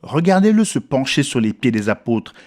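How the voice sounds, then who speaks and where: A man's voice: medium pitch, big pitch swings, normal speed, darkish tone. A man reading a sermon text aloud in French, earnest and preacherly. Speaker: reader of a sermon book. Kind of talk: read-aloud sermon exposition.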